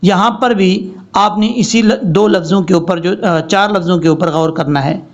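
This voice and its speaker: A man teaching prayer pronunciation, slowly drawing out recited Arabic words between explanations. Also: sits high. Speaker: tajweed teacher. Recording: dull lo-fi recording.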